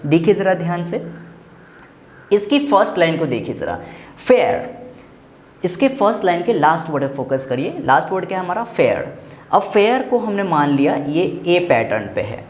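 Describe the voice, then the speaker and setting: A man's voice: a little high, darkish tone. A man with an Indian accent explaining a lesson step by step, repeating each point with emphasis and urging the viewer to look closely. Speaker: teacher. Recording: echoey room with faint background noise.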